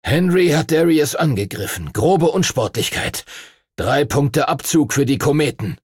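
A man's voice: on the high side, expressive, a little slow, darkish tone, husky, dry recording, studio quality, voice pushed up. A man voicing a stern male sports master with a curt, growling manner.

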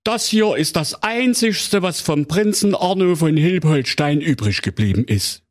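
Man voicing a tired hunchbacked servant, exasperated, drawn out, sing-song and highish. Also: expressive. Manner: slow, exasperated, nagging.

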